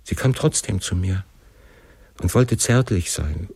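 Deep-voiced male audiobook narrator, first-person classic novel, expressive but measured, dry close sound. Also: husky, dry recording. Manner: expressive, measured dramatic reading.

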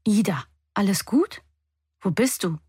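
A woman voicing a gentle young man who calms his friend in a soft, often whispered voice. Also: mid-range voice, measured pace, breathy edge, no room sound, studio quality. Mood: worried.

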